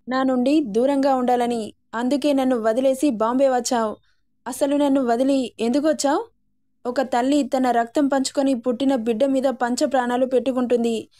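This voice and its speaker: Woman playing fiery young wife in a spoken story, high, mellow, scolding. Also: lightly acted. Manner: indignant, scolding. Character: fiery young wife, hurt and quick-tempered.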